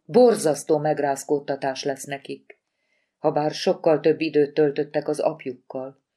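A woman reading an audiobook voices a sharp, irritated wife who heads a medical examiner's office, with a clipped, reproachful delivery. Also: low-pitched.

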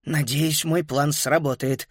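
A man's voice: on the high side, fairly even intonation, takes it slowly, no room sound, clean studio sound. A man voicing a bold, cheeky schoolboy ringleader who talks eagerly and gives commands.

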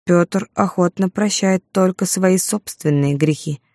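A repentant robber who speaks low and quietly to console, as a woman narrator reads him. Her voice is dark and mellow, with a dry studio closeness. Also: measured pace, no room sound. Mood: consoling. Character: repentant male robber, tender toward his beloved.

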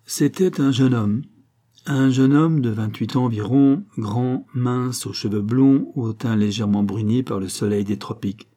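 A man reading a classic novel aloud as narrator, measured and dramatic. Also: mid-range voice, dark tone. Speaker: audiobook narrator. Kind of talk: scripted narration.

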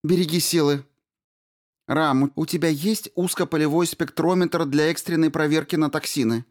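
A man voicing an urgent, commanding female mission doctor in an audiobook, higher than his own voice. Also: normal speed, close to an everyday voice. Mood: urgent brisk. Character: brisk female mission doctor giving orders.

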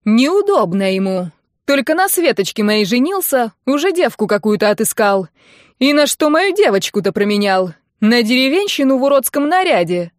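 A woman voicing a loud, shrill mother-in-law around fifty who scolds and shrieks. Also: sing-song, normal speed, dry recording, clean studio sound. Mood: furious.

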